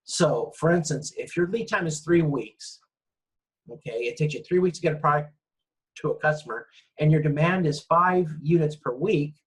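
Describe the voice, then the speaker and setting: In an online lecture with screen-shared slides, a man explains things informally and conversationally, frequently checking in with listeners. His voice is a little high, and the audio is poor.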